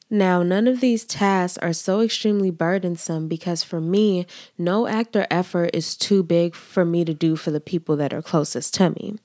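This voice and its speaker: Low-pitched woman with a stuffy nose. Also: a little mellow, dry recording, clean studio sound. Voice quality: congested, stuffy-nosed. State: congested from allergies, trouble breathing. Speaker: podcast host. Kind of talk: scripted solo podcast monologue.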